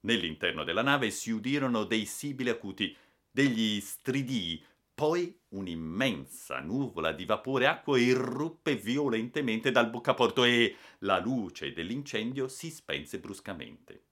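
Brief: male audiobook narrator, lively and dramatic delivery, crisp bright tone. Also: on the low side, a little slow. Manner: vivid, expressive storytelling.

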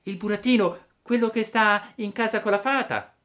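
A shrill, shouting puppet boy. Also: steady tone, normal speed. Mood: pleading. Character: impatient young wooden puppet boy. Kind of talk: storybook reading.

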